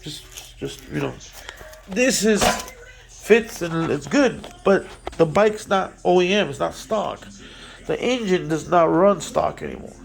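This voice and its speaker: A man's voice: sits high, lively intonation, unhurried, creaky. A man explaining a motorcycle repair in a casual workshop walkthrough, rambling with many fillers and restarts, blunt and swearing now and then. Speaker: motorcycle mechanic.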